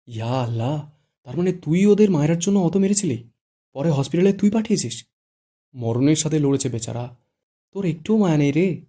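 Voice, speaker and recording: A man voicing a playful young man who teases and exclaims in quick quips, read as audiobook dialogue. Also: medium pitch, lightly acted. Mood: teasing. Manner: teasing, exclaiming, lively quips.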